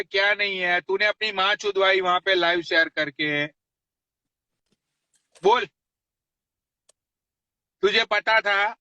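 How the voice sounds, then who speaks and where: Angry high-voiced man ranting on a live stream. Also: sharp tone, no room sound, highs cut off. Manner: aggressive, constant profanity, taunting. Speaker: livestreamer. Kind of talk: abusive rant on a live stream. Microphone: phone.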